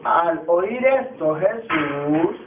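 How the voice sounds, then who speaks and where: A man's voice: sits high, animated, extremely slow, background noise. A man teaching a Bible class, repeating key terms and firing questions at his students. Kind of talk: classroom lecture. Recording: tinny, echoey distant classroom recording.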